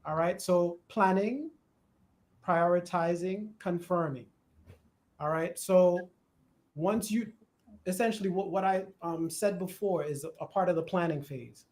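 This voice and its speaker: A man with a Jamaican accent hosting a live church discussion, chatty and animated, laughing at times as he explains. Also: high voice, measured pace. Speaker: host. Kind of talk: casual discussion on church worship. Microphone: live stream.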